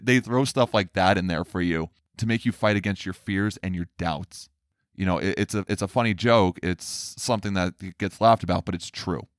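A man speaking earnestly in a casual monologue about men's feelings, sometimes mimicking others in a higher voice. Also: dry recording, clean studio sound. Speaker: speaker on men's emotional health.

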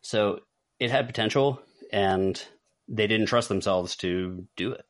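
A man with a lowish voice speaks a little slowly as he co-hosts a podcast. His casual chat ranks films and keeps wandering into asides.

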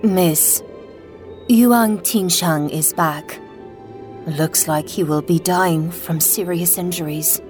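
A man doing a hushed, worried old nanny. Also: high-pitched, slow pace, soft background music, voice pushed up. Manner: hushed and anxious.

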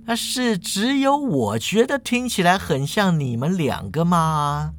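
A man voicing a timid, fussy school principal in a high, anxious whine. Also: sing-song, a little slow. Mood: puzzled.

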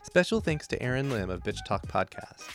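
A man's voice: mid-range voice, big pitch swings, moderate pace. American man hosting over music. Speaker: podcast host. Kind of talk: scripted podcast introduction.

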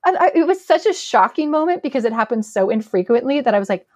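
Brief: middle-aged woman, lively storyteller, dry close sound. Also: a little high, fast talker, no room sound. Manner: animated storyteller, acts out quotes. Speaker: podcast guest. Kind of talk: casual chat.

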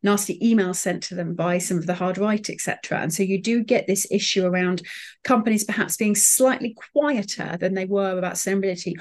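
A woman's voice: medium pitch, fairly quick. A woman speaking as an interview guest, articulate, with frequent fillers and restarts. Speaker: sustainability consultant, guest. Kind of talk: interview conversation.

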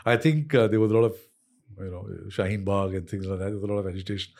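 An older man with a North Indian accent and a husky voice, explaining conversationally and emphatically, repeating points and slipping into Hindi phrases. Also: fairly low pitch, fairly even intonation, quick pace, a little mellow. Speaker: interview guest, author on history.

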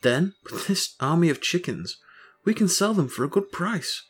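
A man playing a broke farmer husband in an audio story, excitable and rambling, full of grandiose schemes. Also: on the high side, moderate pace, breathy edge, faint music behind. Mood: eager, explaining.

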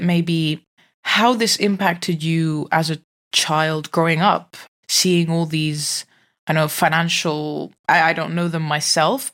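A woman's voice: low voice, vocal fry, a bit bright. A woman hosting a podcast, introducing her guest and asking questions in an upbeat way, often restarting her sentences. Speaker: podcast host. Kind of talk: podcast interview.

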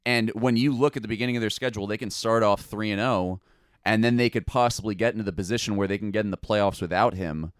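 Low smooth-voiced guy arguing football on a podcast, swears a bit, dry sound. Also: fast, dry recording. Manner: animated, argumentative, swears casually. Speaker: podcast co-host. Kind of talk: casual sports chat.

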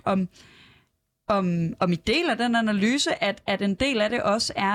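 A woman's voice: medium pitch, no room sound. A woman speaking earnestly in a political panel debate, stumbling over repeated words as she builds her point. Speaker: debater and moderator.

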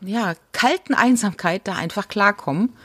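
Woman podcast co-host, breathy and a bit husky, tells stories with lively re-enactments. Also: medium pitch, normal speed. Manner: animated storytelling, acts out her own thoughts. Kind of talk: casual chat, storytelling.

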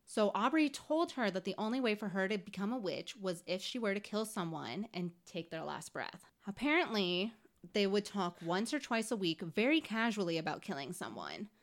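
A woman hosting a podcast, casually recounting a criminal case with frequent "like" and wry asides. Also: on the low side. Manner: conversational, fillers like "like", wry asides. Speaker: podcast host. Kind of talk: true-crime podcast narration.

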